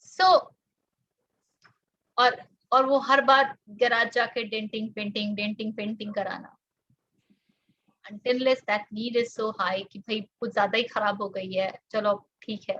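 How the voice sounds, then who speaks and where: Indian woman teaching spiritual stuff, talks real slow n thoughtful, kinda muffled audio. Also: on the high side, fairly even intonation, pushed and bright. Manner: slow, reflective, drawn-out English phrases. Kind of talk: Hindi-English spiritual talk. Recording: dull lo-fi audio.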